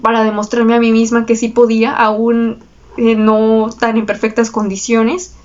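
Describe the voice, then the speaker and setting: A woman's voice: a little high, monotone, measured pace, a little mellow, lo-fi sound. A woman with a Mexican Spanish accent, hosting her astrology channel and telling a personal story in a chatty, confessional way. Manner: chatty and confessional, slangy, with frequent laughs and tag questions. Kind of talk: casual personal storytelling to viewers.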